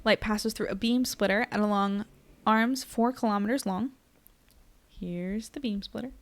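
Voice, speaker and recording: A woman reading a popular science book aloud for a live stream audience. She keeps a steady, clear reading pace at a middle pitch, now and then stumbling on a word and correcting herself. Between passages she drifts into a softer, mumbled explaining voice. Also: a little slow. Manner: drops to a soft mumble when explaining a figure. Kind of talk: reading aloud with casual asides.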